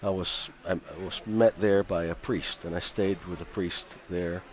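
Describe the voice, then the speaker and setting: A man's voice: low-pitched, steady tone, measured pace. A Cuban-born man in his fifties, a musician, chatting in a radio interview with frequent laughs and restarts. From Cuba. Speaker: musician guest.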